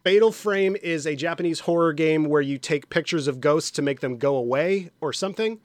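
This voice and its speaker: A male podcast host chatting casually, slightly husky from a cold, rambling and laughing between quick asides. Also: fairly high pitch, no echo.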